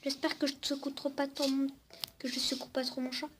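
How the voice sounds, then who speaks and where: A little fast and level in tone, this young woman's high voice carries a casual toy-robot demo. She sits at home with her cat on her lap, chatting to the robot and to viewers, in a noisy home recording.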